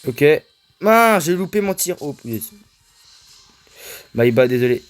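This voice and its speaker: Excitable young man narrating gameplay. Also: a little high, measured pace, poor audio. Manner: excitable, stammering, addresses viewers as "les gars". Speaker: gaming video creator. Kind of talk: casual gameplay commentary.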